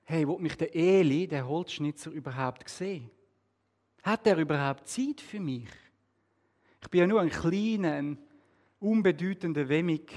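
A man's voice: fairly high pitch, moderate pace, darkish tone, close to an everyday voice. A man voicing a small, unsure male wooden figure, timid and full of questions.

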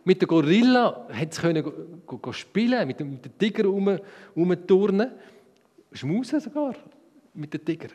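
A man with a Swiss German accent telling a Bible story to children, lively and asking them questions. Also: high voice, normal speed, in a large hall.

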